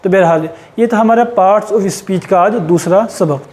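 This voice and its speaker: A man teaching English grammar in a patient, explanatory way, repeating and rephrasing points and slowing down to spell out English example sentences. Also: high-pitched, darkish tone. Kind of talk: explanatory lesson.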